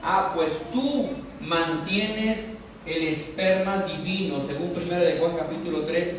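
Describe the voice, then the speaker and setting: A man's voice: on the high side, unhurried, distant mic, slight background noise. A male pastor from Mexico preaching a sermon, reading scripture aloud and pressing the congregation with emphatic rising questions. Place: church hall. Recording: echoey church hall, heard from afar.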